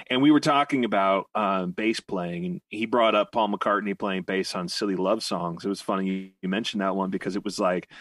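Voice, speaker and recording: A man in a casual chat, telling a story in a relaxed, halting way with many fillers. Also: fairly low pitch, dry recording, far from the mic. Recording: dry voice a bit off mic.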